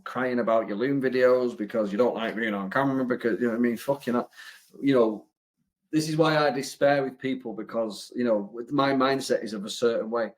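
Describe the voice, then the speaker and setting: A man with an English accent giving a casual motivational talk as a business coach, blunt and sweary, rambling with many fillers and restarts. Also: mid-range voice.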